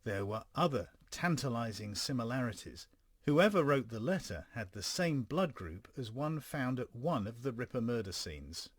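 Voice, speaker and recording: Husky-voiced man narrating true crime. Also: medium pitch, sing-song, no echo. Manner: measured storytelling delivery. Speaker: podcast co-host and narrator.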